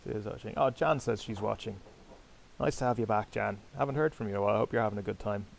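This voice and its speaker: A man's voice: on the low side, fast, gravelly, slight background noise, poor audio. A man hosting and commentating online sailing races, chatty and self-deprecating, talking directly to his viewers. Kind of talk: live commentary over a sailing game.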